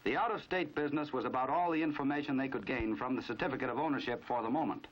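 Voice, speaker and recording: A medium-pitched American man talks fast, lightly acted, as he narrates a 1950s crime training film in knowing, dramatic fashion. Wry and measured in mood, he is heard through a dull, band-limited 1950s film soundtrack.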